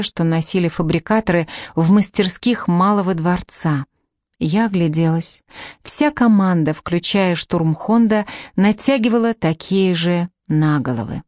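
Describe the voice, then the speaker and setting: A woman narrating a fantasy novel in the first person, in a measured storytelling manner. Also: fairly low pitch, a little mellow, no echo, clean studio sound. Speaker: audiobook narrator.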